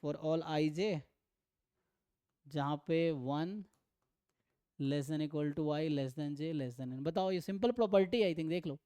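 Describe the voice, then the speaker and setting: A man with an Indian accent gives a statistics lesson in Hindi and English, talking slowly through the problems and reading each question aloud with care. His voice is mellow and smooth. The sound is dry and close to the mic. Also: fairly high pitch, dry recording. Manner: mixes Hindi and English, reads questions out slowly, repeats phrases with "है ना". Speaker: statistics teacher. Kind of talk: online exam-prep lecture solving past questions.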